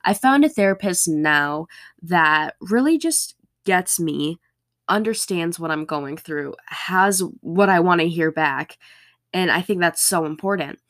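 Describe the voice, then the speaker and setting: Lower-pitched young woman, slightly throaty post-sore-throat voice. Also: expressive, a little slow, fairly bright tone. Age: young adult. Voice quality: slightly altered voice after a bad sore throat, thick and throaty. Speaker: podcast host. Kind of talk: casual solo podcast talk.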